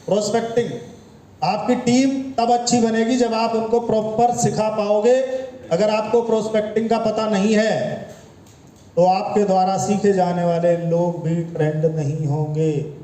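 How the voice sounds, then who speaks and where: Male business trainer, high and mellow voice, lecturing style with rhetorical questions, recorded in an echoey room. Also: flat delivery, unhurried. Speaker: network marketing trainer. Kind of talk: motivational training talk. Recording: echoey room with faint ambience.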